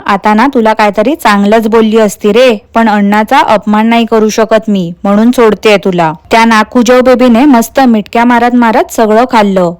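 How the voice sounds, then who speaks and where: A woman's voice: fairly high pitch, clean tone, no echo. A woman with a Marathi accent giving mocking, scolding commentary on a vlogger for her reaction podcast.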